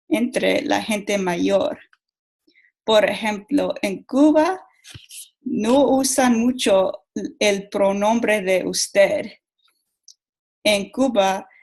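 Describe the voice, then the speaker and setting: A young woman talks through a class presentation at a slow, unhurried pace, stopping and restarting her words often. Her pitch sits in a middle range. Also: low-quality recording. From Mexico. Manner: halting, many restarts and repeated words. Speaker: student giving a class presentation. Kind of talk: school presentation.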